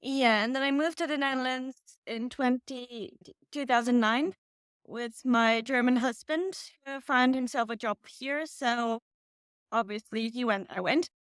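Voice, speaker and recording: Smooth-voiced Polish woman, author guest. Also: a little high, a bit bright, no echo, clean studio sound. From Poland. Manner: halting, many restarts. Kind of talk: casual interview.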